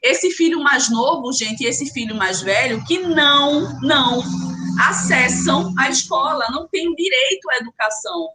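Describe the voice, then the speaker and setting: Over music, a Brazilian-accented woman with a high, animated voice lectures at a measured pace in a live online literature class. Emphatic and urging, she calls her students by name as she pushes them along.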